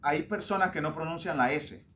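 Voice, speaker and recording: A middle-aged man from Honduras, a pastor giving a lively, joking teaching talk to church readers and acting out pronunciations. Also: fairly high pitch, normal speed, slight background noise.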